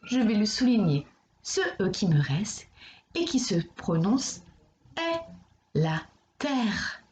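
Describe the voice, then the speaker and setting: Slow, lively-voiced woman teacher in echoey room. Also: mid-range voice, faint music behind. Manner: slow, careful enunciation, addressing a child directly. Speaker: primary school teacher. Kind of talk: recorded lesson for young children.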